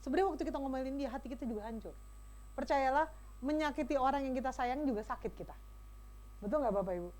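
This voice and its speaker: A woman giving a lively, chatty parenting talk to parents at a school event, speaking directly to the audience. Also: high-pitched, fast talker. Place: school hall.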